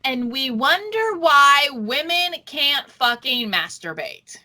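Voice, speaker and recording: A woman's voice: sits high, very animated, takes it slowly, sharp tone. A woman co-hosting a podcast, chatting casually, ranting crudely and swearing heavily. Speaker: podcast co-host. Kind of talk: casual chat.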